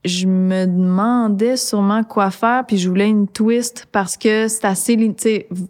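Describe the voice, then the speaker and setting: A woman's voice: medium pitch, fairly even intonation, darkish tone. Québécois singer-songwriter, woman, casual and reflective, lots of restarts. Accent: Québécois French. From Quebec. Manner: reflective, halting with many restarts. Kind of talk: casual interview chat.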